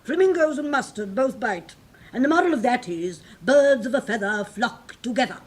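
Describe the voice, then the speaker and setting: A gushing, moralising duchess. She is over-familiar and sententious, in a rough, husky voice pitched a little high. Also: expressive, moderate pace. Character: gushing, moralising, affectionate, ugly storybook Duchess.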